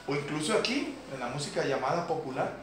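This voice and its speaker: A keyboard teacher from Colombia runs a beginner lesson in a community center classroom, explaining patiently and checking in with the class. His voice is a little high, animated, fast, and fairly bright, with slight background noise. The distant camera mic gives a roomy echo, and a keyboard plays in the background.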